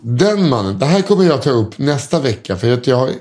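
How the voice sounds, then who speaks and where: Rambling podcast host. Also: male voice, mid-range voice, big pitch swings, darkish tone, slight background noise. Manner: rambling, lots of hesitation fillers and restarts. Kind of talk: casual storytelling chat.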